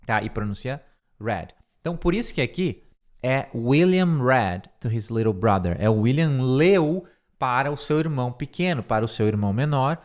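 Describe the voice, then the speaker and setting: A man, teaching an English lesson line by line and patiently repeating example words slowly. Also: mid-range voice.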